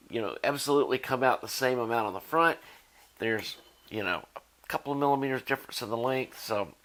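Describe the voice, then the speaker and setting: Here the DIY electronics video maker's voice is mid-range and a bit bright. Chatting about his homemade tape deck repair, he wanders along folksily, saying "you know" again and again.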